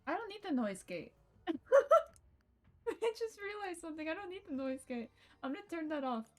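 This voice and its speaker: Her voice is high and very animated, at a normal speed, as she streams a visual novel with soft background music. The woman, aged twenty-one, laughs often, chats casually and playfully with viewers, and lets some swearing slip.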